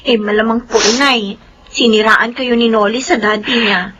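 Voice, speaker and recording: An actress in a radio drama playing a caring, dutiful student daughter, earnest and respectful. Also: female voice, a little high, fairly even intonation, moderate pace, fairly bright tone, husky, muffled recording. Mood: concerned, earnest.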